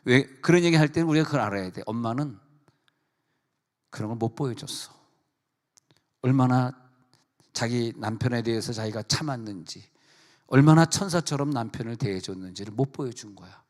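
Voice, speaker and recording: A man preaching a sermon as pastor, acting out a mother and daughter in lively voices and putting questions directly to the congregation. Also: medium pitch, normal speed, pauses often, big-room sound. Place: church sanctuary.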